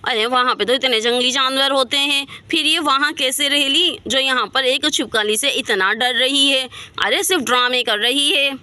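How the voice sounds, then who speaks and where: A woman voicing a sharp-tongued young village woman with quick, mocking retorts. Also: high-pitched, smooth, no echo.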